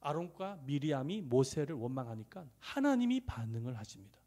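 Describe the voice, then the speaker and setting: A middle-aged male pastor preaching a sermon, swinging between loud rises and soft near-whispers, and acting out quoted voices. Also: medium pitch, sing-song, brisk. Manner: acts out quoted voices in dialogue.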